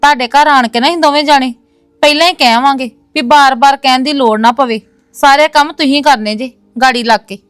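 A proud, insistent woman in a drama series who keeps defending her brother and his family. Her voice sits fairly high and sounds dry and close, with faint music underneath. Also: brisk, a bit bright, no room sound. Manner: earnest, insistent, repeating "no, no, sister". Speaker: actress in a web series. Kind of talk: domestic drama acting.

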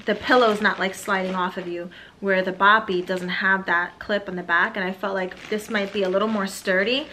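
A woman's voice: medium pitch, noisy background. A young woman, an expectant mother, chatting casually through a haul of baby items, a little out of breath, with fillers and asides. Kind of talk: casual product haul vlog.

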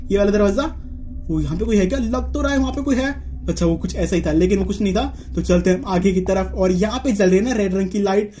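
A man's voice: sits high, mellow. A young man giving running commentary while he plays a horror game, tense, urging himself on and yelping when caught. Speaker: gaming YouTuber.

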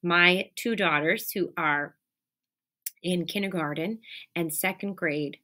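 A lowish, sharp-toned voice belongs to an elementary school teacher in her thirties, who takes her time reading a picture book expressively to young listeners. She stresses important words and prompts them with questions, adding asides in an animated session held in a small indoor room beside a window.

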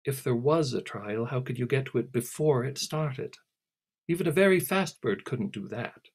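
A man reading aloud and voicing a haughty, contrary young mermaid girl, bossy and careless in manner, with a slightly husky voice. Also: medium pitch, lively intonation, normal speed, a little mellow.

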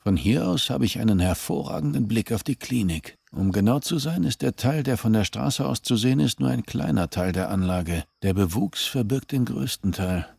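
A man's voice: on the low side, animated, normal speed, vocal fry, few pauses, breathy edge, no echo, studio quality, exaggerated voice. An actor playing a troubled, brooding male protagonist in a video game, musing to himself in inner monologue. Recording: game audio with loud music.

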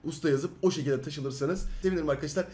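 A young man giving chatty, excitable live commentary over his own gameplay, muttering low one moment and yelling the next. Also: quick pace. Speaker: gaming YouTuber.

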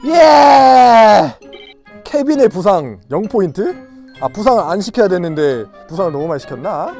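With soft music in the background, a YouTuber gives animated VR gameplay commentary, playfully hollering at the game's characters. The voice is medium-pitched and moves at a normal speed.

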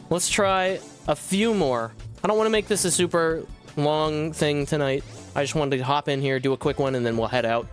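A man streaming a video game live, swearing often and breaking into yelps and laughter as he talks to his viewers. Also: fairly high pitch. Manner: profane, excitable, bursts into yelps and laughs. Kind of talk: live gaming stream commentary.

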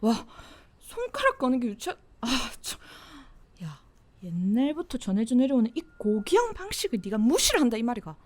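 A woman voicing a cocky, teasing teenage girl classmate in a Gyeongsang dialect, in a whispered role-play with a soft, close-mic delivery. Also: a little high, wildly swooping pitch, moderate pace. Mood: playful. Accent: Gyeongsang Korean dialect. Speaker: voice actor.

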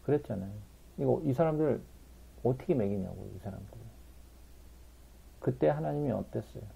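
Male Bible teacher, gravelly and husky, emphatic, keeps prompting listeners; muffled lo-fi recording. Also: medium pitch, lively intonation, normal speed, dark tone.

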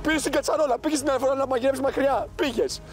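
Agitated high-voiced man arguing. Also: fairly even intonation, over music. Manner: agitated, loud and indignant. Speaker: reality show contestant. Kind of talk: heated argument. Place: outdoors at a camp.

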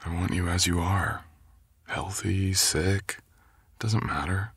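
A man playing a tender, doting boyfriend in a soothing, intimate ASMR role-play, with a breathy, gravelly low voice. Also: little pitch movement, slow, fairly bright tone, dry recording, clean studio sound, full character voice. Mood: tender, reassuring. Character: tender, doting boyfriend comforting his sick partner. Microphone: close, dry microphone.

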